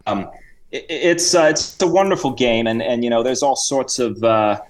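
A man voicing a jovial, stuffy British gentleman in a put-on mix of Cockney and Australian accents, chummy and full of idioms. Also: mid-range voice, moderate pace, a crowd in the background, natural voice. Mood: hammy chummy. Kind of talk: comedic improvised character bit.

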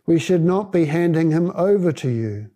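Accusing crowd of men, insistent, raised, one man reading the part, mellow tone. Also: on the high side, expressive, moderate pace, natural voice.

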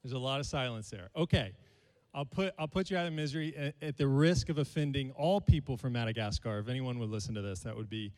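A man's voice: mid-range voice, quick pace, darkish tone, in a large hall. Playful preacher man. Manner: playful, jokes with the congregation. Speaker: pastor. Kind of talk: sermon to a live congregation.

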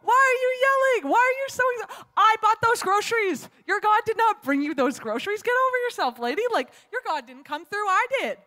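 A grumpy, skeptical neighbor man who scoffs and snaps in exasperation, as a woman preacher puts him on. The voice stays fairly high and echoes through a long hall reverb. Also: expressive, normal speed, a bit bright. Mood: exasperated. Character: grumpy skeptical male neighbor, middle-aged.

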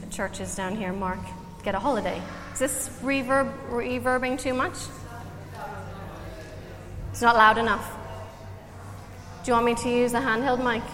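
Canadian woman giving a chatty church talk. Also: fairly high pitch. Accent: Canadian with a slight Irish twang. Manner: chatty and self-deprecating, many ums. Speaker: guest speaker at church, counselor. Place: church hall. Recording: echoey church hall with faint noise.

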